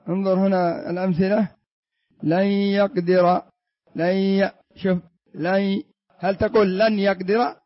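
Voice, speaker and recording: High-voiced man teaching tajweed slowly. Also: no echo, lo-fi sound. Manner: drills examples slowly and asks students to repeat. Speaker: Quran recitation teacher. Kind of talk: classroom lesson on tajweed rules.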